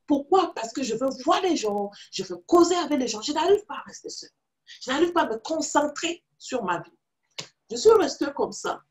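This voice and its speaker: A woman from Africa telling her own story as a preacher, acting out the dialogue of the people in it. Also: high-pitched. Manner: animated storytelling, acts out dialogue with others in the story. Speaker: preacher and teacher. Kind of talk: testimony in a teaching video.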